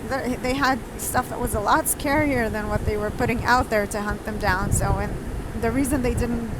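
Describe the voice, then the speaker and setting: Higher-voiced woman vlogging through loud wind noise. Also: steady tone, moderate pace. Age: around 40. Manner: digressive, losing and regaining her train of thought. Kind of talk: casual rambling vlog talk. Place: outdoors in the wind. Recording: loud wind buffeting the mic outdoors.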